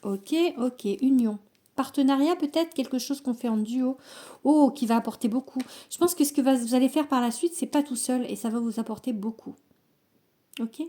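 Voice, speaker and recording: High-voiced, mellow woman reading cards. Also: normal speed. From France. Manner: chatty, reassuring, many fillers and restarts. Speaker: medium giving a tarot reading. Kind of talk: casual spoken card reading to camera.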